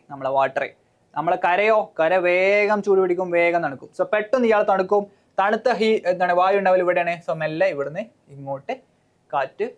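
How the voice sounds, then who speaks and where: A woman teacher with a Malayali accent, coaching students for an exam, explaining step by step with frequent "okay" and questions to the class. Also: mid-range voice. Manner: mixes English terms into Malayalam.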